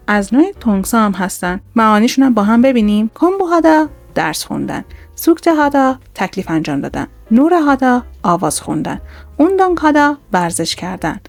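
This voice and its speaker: A woman giving an online language lesson over slides, explaining patiently and repeating example words slowly. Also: fairly high pitch, a little mellow, no echo. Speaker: Korean language teacher.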